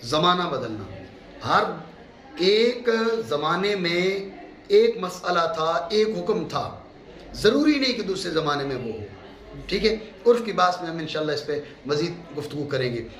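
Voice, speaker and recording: A man's voice: a little high, sing-song, fairly bright tone. A middle-aged man from Pakistan giving a classroom lecture as a religious teacher, emphatic, repeating key terms and checking in with his students. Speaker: mufti teaching a course. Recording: echoey room with faint background hum.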